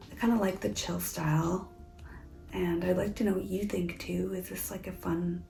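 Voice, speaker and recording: A woman's voice: medium pitch, gravelly, mellow, roomy sound, poor audio. A woman vlogger chatting casually at home, half-whispering and rambling about her crafting. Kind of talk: casual chat. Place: home, indoors.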